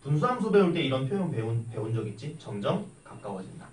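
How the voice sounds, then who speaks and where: A young man teaching math in a classroom, chatty and animated, telling stories and tossing questions at his students. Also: medium pitch, fast. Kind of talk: classroom lecture with storytelling. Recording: echoey classroom from a distance with faint noise.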